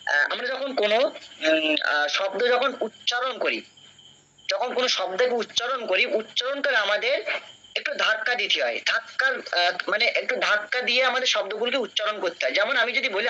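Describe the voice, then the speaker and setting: A man's voice: high voice, muffled recording, background noise. Patient man teaching a class. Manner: patient, questioning, repeats and checks understanding. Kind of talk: classroom lecture.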